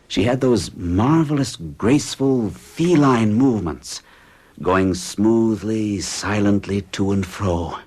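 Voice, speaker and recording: This 1970s radio drama features an actor with a lowish, somewhat mellow voice as a troubled young American man. The character, a hero both in love and afraid, tells his psychiatrist about an unsettling romance, earnest and hesitant.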